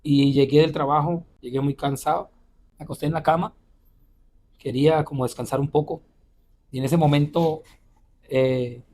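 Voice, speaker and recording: A male pastor telling a personal spiritual testimony in an interview, halting and repeating words often with frequent "eh" fillers. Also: fairly high pitch, fairly even intonation, a little mellow, a little hiss or hum. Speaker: pastor and missionary.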